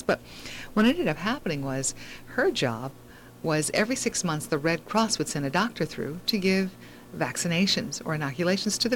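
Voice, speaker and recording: A woman's voice: on the low side, slight background noise. A woman hosting a talk show, telling a long story in a rambling way with many fillers and restarts. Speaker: host.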